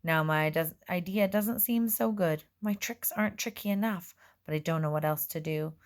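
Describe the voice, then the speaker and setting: A woman narrating a children's storybook in the first person, in a gentle, measured way. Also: fairly low pitch. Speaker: audiobook reader.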